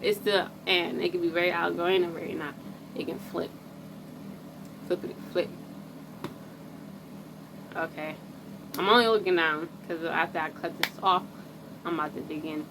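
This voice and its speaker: A woman's voice: lowish voice, fairly even intonation, a little fast, gravelly, noisy background. A woman vlogging about astrology in loose, slangy casual chat, often breaking off and restarting. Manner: loose and rambling, breaks off and restarts, laughs at herself. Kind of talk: casual rambling chat to camera.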